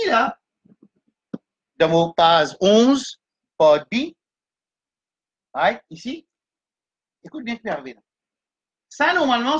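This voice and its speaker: A woman teaching Quran reading in a live class. She explains the letters step by step and chants verses slowly. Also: medium pitch, husky, muffled recording.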